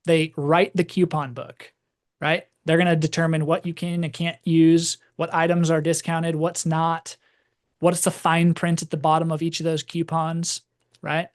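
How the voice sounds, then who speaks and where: Man, fairly high voice, casual talk to an audience, rambling storytelling. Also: completely flat delivery, unhurried. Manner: casual, rambling, heavy use of "like". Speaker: presenter.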